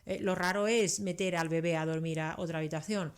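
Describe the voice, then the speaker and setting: This doctor and science communicator, a middle-aged native Finnish speaker from Karelia in southeastern Finland, explains things conversationally as an interview guest with frequent tag questions. Her lowish voice is brisk, clear and resonant, with fairly even intonation.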